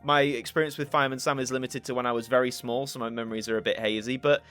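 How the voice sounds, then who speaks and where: This young man, a YouTube channel host from Yorkshire, England, casually answers viewer questions and thinks aloud. He speaks with a mixed northern English accent, chiefly Yorkshire, in a medium-pitched, fairly bright voice. His intonation is fairly even and his pace quick, with soft background music.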